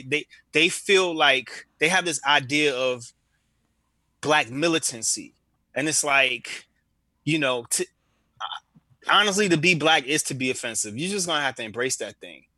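A man hosting a round table podcast talks earnestly, restarting his phrases as he works through a thought. His voice is strikingly bright and forceful. The sound is dry, with no room around it. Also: fairly high pitch, dry recording. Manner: earnest, halting with many restarts. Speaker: podcast host.

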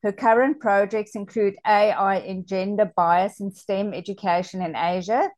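Brief: female interview host, measured and clear, dry close recording. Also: medium pitch, fairly even intonation, a little mellow, no echo. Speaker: podcast host. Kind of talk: scripted introduction and interview questions.

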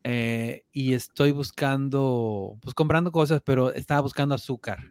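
A man with a Mexican accent, a guest in a casual interview, telling stories in a lively way and often repeating words as he thinks. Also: mid-range voice, normal speed. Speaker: guest, opera tenor.

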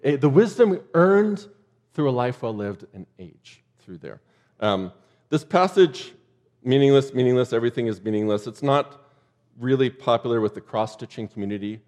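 A male pastor giving a sermon in a relaxed, conversational way. He slips in jokes and asides to the congregation and his pitch sits in the middle range. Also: normal speed. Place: church.

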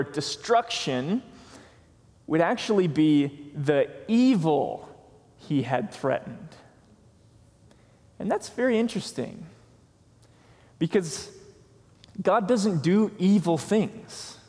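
A man delivers a sermon from the pulpit, taking his time and leaning on each key word. His voice sits a little high for a man. Long reverb from the church hall trails after his words. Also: expressive, a little mellow. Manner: slow, deliberate preaching with emphatic pauses. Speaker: pastor. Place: church sanctuary.

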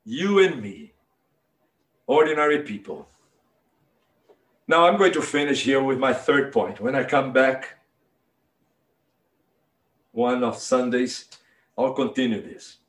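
A man's voice: mid-range voice, lively intonation, takes it slowly, long pauses, echoey room. A man from Brazil with a Brazilian Portuguese accent and Portuguese as his first language, preaching a sermon emphatically and speaking straight to his listeners. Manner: emphatic, building to impassioned shouts, direct address to listeners. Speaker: pastor.

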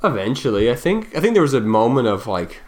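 A man's voice: mid-range voice, big pitch swings, a little fast. A man in his thirties co-hosting a podcast, talking loosely and musing, often trailing off and restarting. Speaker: podcast co-host. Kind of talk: casual chat.

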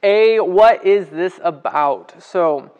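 A man's voice: high-pitched, slow, darkish tone, clear, resonant tone, lo-fi sound. A man leading a casual livestream Bible study, chatting with viewers, greeting them by name and asking them questions.

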